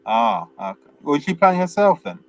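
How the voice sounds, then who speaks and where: A man's voice: on the high side, sing-song, a little fast, slight background noise. Rambling man chatting about a film. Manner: rambling, many fillers and restarts, acts out quotes. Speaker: film review co-host. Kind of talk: casual chat.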